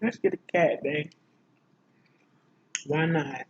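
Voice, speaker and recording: A man's voice: on the high side, steady tone, takes it slowly, a little mellow, dull audio. A man co-hosting a casual eating vlog, chatting and asking teasing questions. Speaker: vlog co-host. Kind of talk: casual chat while eating.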